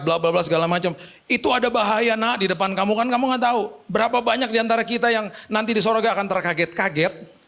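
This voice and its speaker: A male pastor, preaching a sermon through lively, humorous storytelling. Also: sits high, gravelly.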